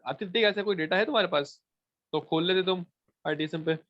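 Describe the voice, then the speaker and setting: A man's voice: high voice, fairly quick, fairly bright tone, no room sound. Give me a man's voice coming through a dull, muffled voice call, patiently walking a listener through a computer task step by step and checking again and again that they're following. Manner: patient, repeats checks for understanding. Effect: heard over a voice call. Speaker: instructor.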